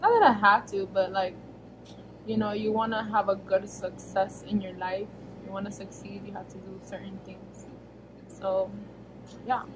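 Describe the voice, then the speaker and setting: A young woman from the United States talks casually into a camera set close in front of her in a small bedroom. Her delivery wanders, with frequent fillers and quick self-corrections as she answers viewer questions. A steady background noise sits clearly under the voice. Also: mid-range voice. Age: young adult. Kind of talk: casual Q&A vlog. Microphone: camera at arm's length, face framed close.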